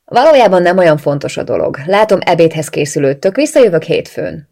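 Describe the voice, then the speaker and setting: A reader voicing a hesitant, evasive male family friend in an audiobook, speaking a little louder than the narration. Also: fairly high pitch, sing-song, vocal fry, exaggerated voice.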